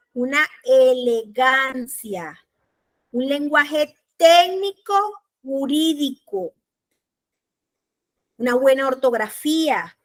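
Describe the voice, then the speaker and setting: Woman, Panamanian Spanish accent, law lecturer, high bright voice, slow and deliberate, repeats key points. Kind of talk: recorded class lecture.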